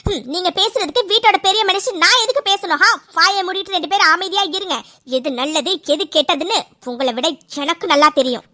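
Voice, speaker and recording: A woman's voice: very high-pitched, fairly quick, few pauses, bright, forceful tone. A woman voicing a stern old grandmother who heads a rich family in a cartoon, speaking in a commanding, scolding way. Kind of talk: cartoon voice acting.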